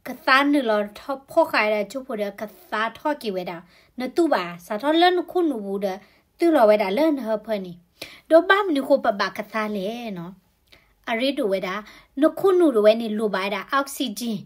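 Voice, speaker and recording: A woman's voice: fairly high pitch, lively intonation, normal speed. A woman explaining health topics in a conversational way, often adding tag particles to her sentences. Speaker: health educator.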